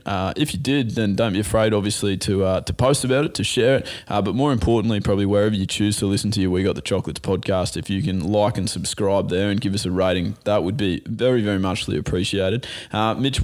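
A man hosting a casual sports podcast, chatty and quick to laugh between phrases. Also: on the low side, darkish tone. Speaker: podcast host.

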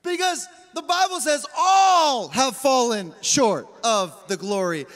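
Male pastor, 30s, high-pitched, animated slangy delivery, handheld mic, long hall reverb. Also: slow. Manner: animated, slangy, call-and-response with the crowd. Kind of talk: energetic sermon. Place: large church stage, indoors.

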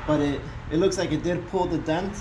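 Speaking fairly quickly in a slightly high voice, a vlogger narrates a casual, hands-on tool review while working on a car. He records on a head-mounted camera in a garage whose door is open to outdoors, and the background is noisy.

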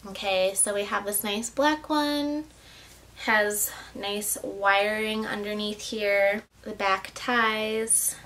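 A woman's voice: medium pitch, steady tone, slow pace, fairly bright tone, a little hiss or hum. A woman talking casually in a try-on haul vlog, chatty and gushing, with plenty of "like" and "oh my gosh.". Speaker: vlogger.

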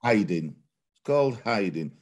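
A man's voice: on the low side, very animated, normal speed, a loud crowd. A man co-hosting a casual football chat over a video call, blunt and emphatic, often stammering as he starts a sentence. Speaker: co-host.

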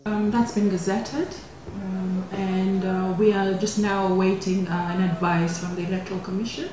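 Middle-aged lady official, halting, really echoey noisy office. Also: medium pitch, level tone, mellow. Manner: halting delivery. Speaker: parliamentary official. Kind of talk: interview answers. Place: office, indoors.

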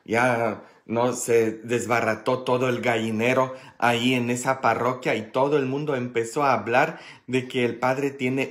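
A man preaching a sermon as a priest. He tells the story slowly, with many fillers and tag questions, and voices the people in it with sudden loud, high outbursts. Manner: animated, acts out quoted people with sharp rises in pitch and loudness.

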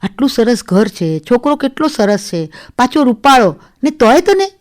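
A woman's voice: fairly high pitch, very animated, normal speed, voice pushed up. A woman voicing a nagging middle-aged mother who scolds her daughter about marriage, in a storybook reading. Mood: scolding. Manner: scolding, exasperated.

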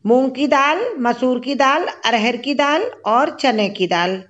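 A woman with a high, bright-toned voice narrates a home cooking video, explaining each step in a friendly, chatty way. The recording is somewhat dull and lo-fi, as if made on a simple home setup. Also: takes it slowly. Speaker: cooking channel host. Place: home kitchen.

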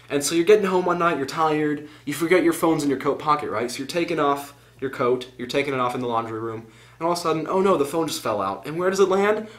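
A man's voice: a little high, a bit bright. A teenage boy rambling casually in a home vlog, drifting into tangents and joking at himself, recorded on the camera's own mic. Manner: rambling, goes off on tangents, self-mocking. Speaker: vlogger.

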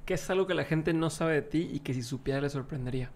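A young adult man, a podcast host asking relaxed, curious questions into a desk mic in a small studio. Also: on the high side, quick pace. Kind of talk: interview questions. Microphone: large desk mic, headphones.

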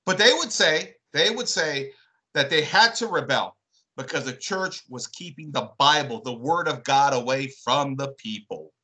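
Bright-voiced man discussing church history. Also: medium pitch, lively intonation, moderate pace, poor audio. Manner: thoughtful, builds questions with repeated "right?". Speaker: co-host. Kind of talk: casual religious discussion.

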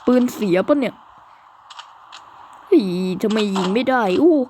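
A woman's voice: high-pitched, a little slow, slight background noise. Playful woman narrating a game skit. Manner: playful, excitable, jumps between characters. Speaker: gaming video creator. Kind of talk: narrated game role-play.

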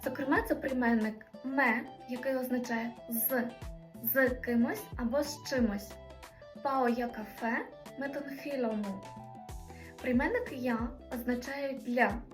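A woman teaching a language lesson, explaining grammar and slowly spelling out example sentences. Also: a little high, roomy sound, far from the mic, soft background music. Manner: slow, careful spelling-out of Greek examples.

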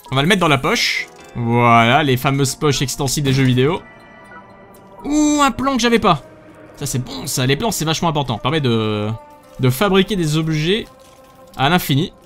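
A man commentating his own game as he plays, excitable, swearing, laughing and yelping loudly. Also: high voice. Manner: excitable, swears and laughs often, loud yelps. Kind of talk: let's play commentary.

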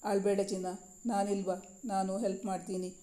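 A woman voicing a playful, doting young husband in a spoken story, teasing and coaxing in a flat, mellow voice. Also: medium pitch, moderate pace, close to an everyday voice.

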